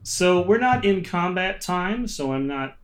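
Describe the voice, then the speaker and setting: A man narrating a tabletop role-playing game as game master. He describes scenes in a relaxed, thoughtful way, with many small hedges and fillers. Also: high voice, a little slow. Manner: thoughtful, hedging with frequent fillers.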